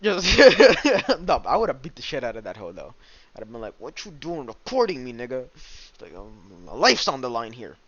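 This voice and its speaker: A young man hosting a podcast, ranting loudly and crudely, breaking into squealing acted outbursts. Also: mid-range voice, sing-song, moderate pace, dull audio. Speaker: podcast host. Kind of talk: casual podcast chat.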